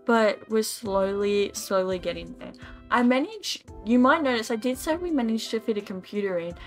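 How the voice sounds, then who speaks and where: A woman's voice: on the high side, expressive, normal speed, faint music behind. A tired young woman rambling and ranting in a casual, self-deprecating voice-over while she builds in a game. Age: young adult. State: tired, yawning. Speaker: Sims gaming YouTuber.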